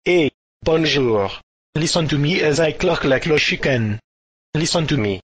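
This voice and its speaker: A goofy man clucks like a chicken and hams up a mock French accent, as a synthetic male voice acts him out. The voice sits a little higher than most men's, and the delivery is silly and showy. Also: expressive, unhurried, breathy edge. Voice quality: synthetic, stilted.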